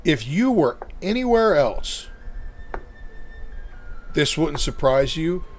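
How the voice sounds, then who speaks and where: A man's voice: a little high, big pitch swings, takes it slowly, faint music behind. A man narrating as dungeon master of a tabletop game, rambling and casual with many fillers.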